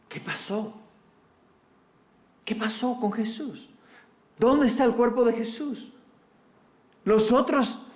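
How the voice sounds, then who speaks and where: A pastor delivers his sermon in a notably high male voice. He takes his time, unhurried and measured. He keeps asking rhetorical questions and calls the listeners brothers and sisters. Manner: repeats rhetorical questions to the congregation.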